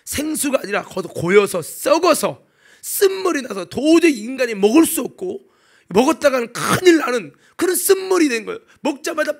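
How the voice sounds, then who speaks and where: A male pastor with a very high-pitched voice delivers a sermon as animated storytelling. He jumps from loud, exclaiming bursts to quiet, lowered asides. He keeps throwing rhetorical questions at the congregation. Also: normal speed, gravelly. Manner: dramatic storytelling, swinging between loud exclamations and hushed asides.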